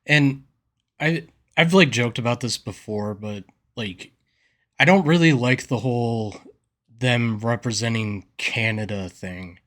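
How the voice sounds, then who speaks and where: A man co-hosts a casual podcast chat, rambling and hesitating as he talks. His voice sits at a middling pitch. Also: a little slow, a bit bright. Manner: rambling, hesitant, many fillers and restarts. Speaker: podcast co-host.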